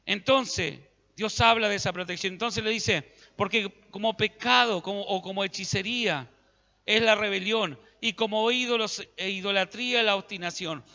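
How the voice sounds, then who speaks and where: A man's voice: sits high, normal speed, sharp tone, big-room sound, muffled recording. A man with an Argentine Spanish accent, preaching a sermon as pastor and acting out biblical dialogue in everyday speech. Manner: preaching, acts out biblical dialogue in colloquial voices.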